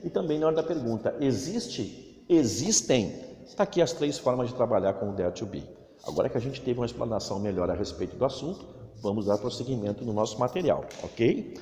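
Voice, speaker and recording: Brazilian male teacher, lively and explanatory, recorded remote lesson in a reverberant room. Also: medium pitch. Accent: Brazilian Portuguese. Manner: explains slowly, stretching English words to model pronunciation. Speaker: English teacher. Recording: echoey room with long reverb.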